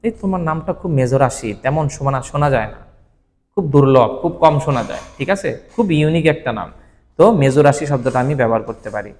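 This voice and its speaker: A man's voice: mid-range voice, quick pace, a little mellow, long reverb tail. A man whose first language is Bengali teaches Japanese vocabulary in a patient classroom style, often checking that the listener follows.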